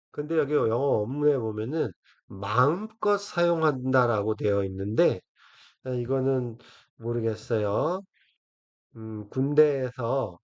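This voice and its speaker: A man teaching translation in a recorded lecture, drawing out English phrases slowly between explanations, with many fillers. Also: mid-range voice, a little mellow, lo-fi sound.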